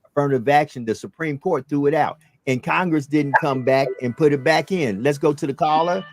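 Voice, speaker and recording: A man's voice: a little high, fairly quick, dry recording. A man hosting a call-in talk show, emphatic and loose in his phrasing as he takes callers. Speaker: radio talk show host.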